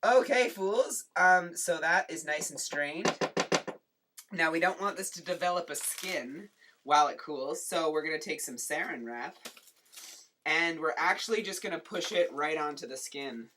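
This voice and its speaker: Playful, bright-voiced cooking show host. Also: mid-range voice, normal speed, slight background noise. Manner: playful, deadpan jokes, rambling asides. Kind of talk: jokey home cooking demo. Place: home kitchen.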